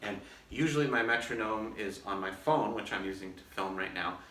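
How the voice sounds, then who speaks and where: A man talking through his practice method in a friendly, methodical way, his voice bright and forward. He is filmed on a phone set back from him, so the room sounds echoey and distant. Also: fairly low pitch, fairly quick. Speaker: orchestra concertmaster. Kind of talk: casual practice demonstration.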